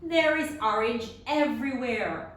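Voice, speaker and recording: A woman with a high-pitched voice reads a children's story aloud in a very echoey room, picked up by a distant mic. She performs it expressively and dramatically for young kids, stretching out sound effects and putting questions to her listeners.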